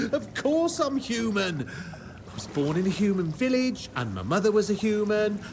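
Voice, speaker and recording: A sly demon merchant clumsily pretending to be human, talking slowly and insistently while tripping over his own reassurances. The pitch swings widely. It sounds like a distant game clip with noticeable noise behind it. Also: very animated. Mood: nervous insistence. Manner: overly insistent, awkward, stumbling reassurance.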